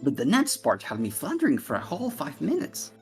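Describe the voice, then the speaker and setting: A woman's voice: deep voice, wildly swooping pitch, brisk, soft background music, heavily acted. A woman playing a dramatic, self-deprecating young man in a video game fan dub, speaking emphatically. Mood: rueful, dramatic.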